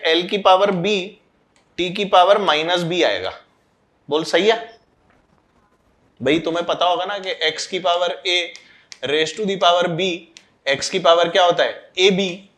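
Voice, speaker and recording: A man teaching a physics class, quizzing and scolding students as he mixes in English terms. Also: sits high. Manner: loud, scolding and urging. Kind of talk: classroom lecture.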